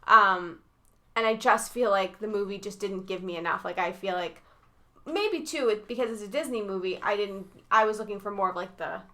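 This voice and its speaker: Woman, southern Massachusetts–Rhode Island accent, bright crisp tone, chatty with fillers, casual podcast co-host. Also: mid-range voice, moderate pace. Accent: mixed southern Massachusetts and Rhode Island. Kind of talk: casual chat.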